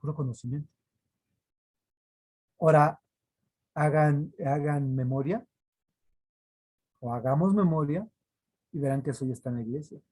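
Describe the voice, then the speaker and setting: Earnest male preacher, slightly high, dark husky tone; devotional teaching. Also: moderate pace, pauses often, low-quality recording. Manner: earnest, repeats phrases for emphasis.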